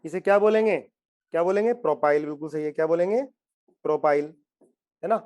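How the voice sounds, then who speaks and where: A man lectures a class on chemistry and keeps pressing his students to answer, repeating each question until they respond. His voice sits a little on the high side. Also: fairly quick, darkish tone. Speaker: chemistry teacher.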